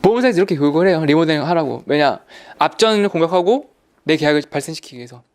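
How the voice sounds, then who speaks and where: A man teaches an online insurance course in a slightly high voice. He talks colloquially, stresses and repeats key words, and acts out salespeople's lines. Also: expressive, very fast. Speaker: insurance exam lecturer. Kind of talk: online lecture.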